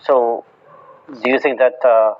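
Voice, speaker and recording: A man's voice: mid-range voice, steady tone, slow pace. A man joining a casual group discussion in an audio chat room, asking questions hesitantly with many fillers. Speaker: participant. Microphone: phone in an audio chat app. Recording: muffled audio-room recording.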